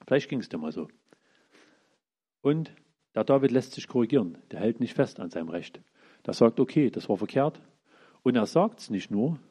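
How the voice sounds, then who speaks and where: Guy preaching casually, voice swings up and down a lot, kinda husky. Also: mid-range voice. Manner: lively, acts out the characters' lines in everyday speech. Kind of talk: informal sermon retelling Bible stories.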